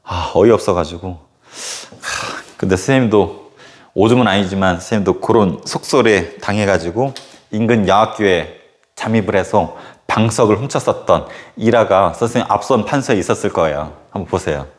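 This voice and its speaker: A man who teaches middle-school history, telling a casual anecdote in a lecture with animated storytelling and lots of filler words. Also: on the low side, moderate pace. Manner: animated storytelling full of filler words and sudden acted outbursts.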